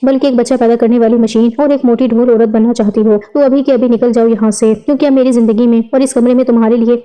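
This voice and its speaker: A woman's voice: a little high, fairly even intonation, dark tone, clean tone, lightly acted, rough recording. A woman voicing a harsh, bullying young husband in a read-aloud story, snapping and threatening. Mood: angry.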